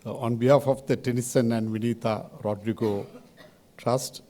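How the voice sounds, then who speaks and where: An older man with a Sri Lankan accent delivers a formal podium speech as a chairman, in measured, halting phrases with deliberate pauses. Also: mid-range voice, steady tone, dark tone. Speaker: advisory committee chairman giving a welcome address.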